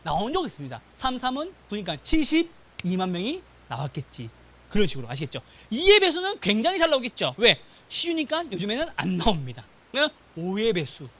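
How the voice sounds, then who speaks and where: Exam-prep lecturer, male, lively swooping pitch, quizzes the class and keeps checking they follow. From South Korea. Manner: animated, drills students with rapid question-and-answer, repeats "got it?". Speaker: real estate exam instructor.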